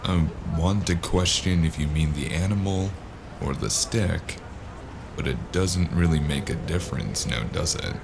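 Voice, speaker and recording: A man playing a weary, sardonic noir gun-for-hire in an audio drama, with a gravelly voice and dry, clipped delivery. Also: unhurried, noisy background. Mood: sardonic, impatient. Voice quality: gravelly, very low. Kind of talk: noir detective audio drama with hardboiled narration.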